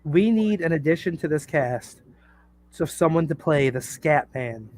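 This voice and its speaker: A man's voice: on the high side, lively intonation, unhurried, darkish tone. A man chatting casually on a podcast, rambling with lots of "uh" and "like". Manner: rambling, fills with "uh" and "like". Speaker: podcast cast member. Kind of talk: casual chat.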